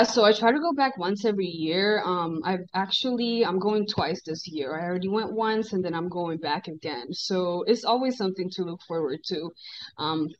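A woman in her twenties from the Dominican Republic, a guest on a podcast, talking in a friendly, relaxed way over a video call. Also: on the low side. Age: 20s. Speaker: guest, esthetician. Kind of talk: casual interview chat. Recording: dull video-call audio.

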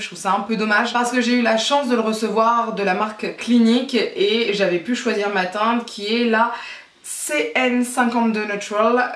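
A woman's voice: on the high side, far from the mic. A woman in her thirties from France, chatting casually and rambling a little as a beauty vlogger talking to the camera. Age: 30s. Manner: chatty, rambling, self-mocking, with small laughs. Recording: roomy echo, a bit off the mic.

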